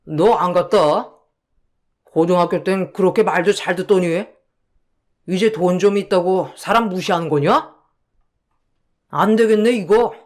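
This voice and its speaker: A man's voice: sits high, measured pace, long pauses. A man playing a smug, scheming con artist in a radio drama, coaxing an old school friend and then hurling abuse once he is caught. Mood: indignant. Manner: wheedling and brazen, turns to abuse when caught.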